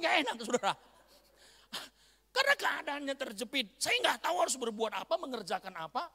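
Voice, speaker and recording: A man from North Sumatra preaching an animated storytelling sermon to a church congregation. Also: extremely high pitch, gravelly. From Batak, North Sumatra, Indonesia. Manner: animated storytelling, bursts into shouts and laughter. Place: large church hall. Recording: long church-hall reverb.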